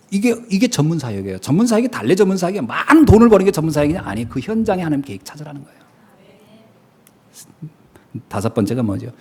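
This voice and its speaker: A middle-aged man preaching a sermon as pastor in a church, animated and storytelling, with emphatic repetition and frequent laughter. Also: fairly high pitch, slightly rough. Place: church sanctuary.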